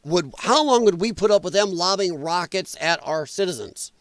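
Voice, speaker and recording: A man's voice: high-pitched, lively intonation, normal speed, no echo. A man hosting a political livestream, speaking bluntly and sarcastically in a casual monologue. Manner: blunt and sarcastic, mocks opponents in put-on voices. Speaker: political commentary livestream host.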